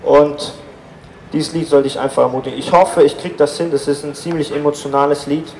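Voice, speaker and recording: A man's voice: fairly high pitch, fairly even intonation, fairly quick, creaky, a little mellow, roomy sound, slight background noise, low-quality recording. Earnest man giving casual faith testimony. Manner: informal, earnest, many fillers.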